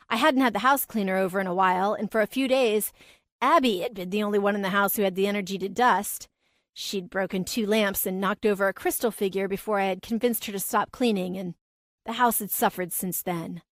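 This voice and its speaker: A woman narrating a romance audiobook in a calm, even storytelling manner. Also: medium pitch, no echo, studio quality. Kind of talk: scripted narration.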